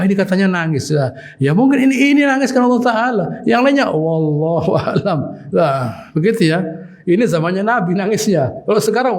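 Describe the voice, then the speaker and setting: A man giving a weekly Quran commentary sermon in a small prayer hall, talking conversationally and often repeating "begitu ya". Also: high voice. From Indonesia. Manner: conversational, repeats "begitu ya", chuckles while teaching. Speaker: ustad teaching Quran commentary.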